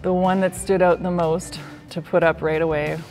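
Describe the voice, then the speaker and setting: A woman, the designer, describing a restaurant space clearly in a documentary interview. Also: lowish voice, flat delivery, moderate pace, a little mellow, soft background music.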